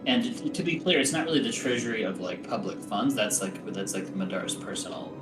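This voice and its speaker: A man's voice: lowish voice, a little fast. A man casually narrating and refereeing as the game master of a tabletop role-playing game. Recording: roomy, distant mic, music behind.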